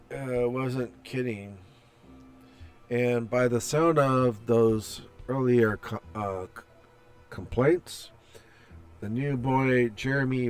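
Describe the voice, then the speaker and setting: A man's voice: medium pitch, clean tone. A man playing through a visual novel, reading its text aloud with restarts and commenting on the characters. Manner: slow, chatty, reads text aloud with restarts. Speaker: gameplay narrator. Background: soft background music.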